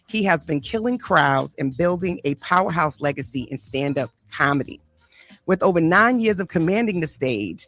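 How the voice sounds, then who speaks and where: A host and life coach leading a casual interview, hyping up her guest with energetic introductions. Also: sits low, dry recording. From Boston area.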